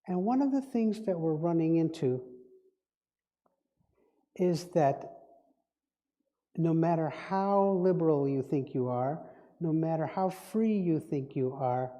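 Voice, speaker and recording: A Dutch-speaking man gives a spiritual talk as a guest speaker at a gathering, reflective and musing, repeating himself and circling back on words. His voice is high and warm, under a long hall reverb.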